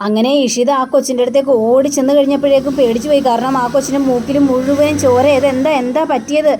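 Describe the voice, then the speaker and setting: A high-voiced woman chats through a TV serial episode, slipping into the characters' lines as she goes. A faint background hum sits under her voice. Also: fairly even intonation, quick pace, dark tone. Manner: acts out characters' lines in quotes while narrating, with fillers. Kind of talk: casual retelling of a TV serial episode.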